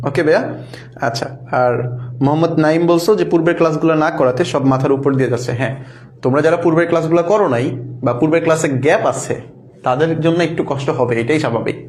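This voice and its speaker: A man's voice: a little high, a little mellow. A man teaching an online math lesson, patient, repeating each step and quizzing the class, mixing in English words. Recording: echoey room with faint ambience.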